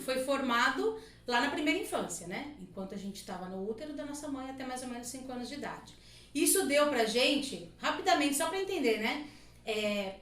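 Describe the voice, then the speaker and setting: A woman with a high voice explains her work as a podcast guest, talking at length and looping in little asides. She sits back from the microphone in an echoey room with a faint hiss underneath. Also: fairly bright tone. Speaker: guest body analyst. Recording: echoey room, mic at a distance, faint noise.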